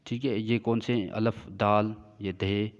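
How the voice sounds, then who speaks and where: A man's voice: lowish voice, little pitch movement, smooth. Male teacher, classroom lecture, patient and repetitive, muffled lo-fi sound, long reverb. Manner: explains slowly, repeats and checks with "ठीक है".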